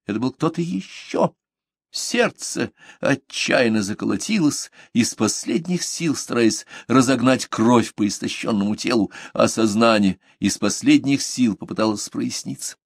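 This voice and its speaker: A man's voice: mid-range voice, measured pace, gravelly, slightly rough, no room sound, clean studio sound. A man narrating a novel in the first person, reading expressively and dramatically. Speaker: audiobook reader. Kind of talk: scripted literary narration.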